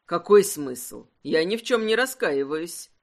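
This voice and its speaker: A woman voicing a wry, self-assured earl. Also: animated. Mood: serious. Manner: unhurried, wry, lowered voice. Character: confident teasing aristocratic man, an earl.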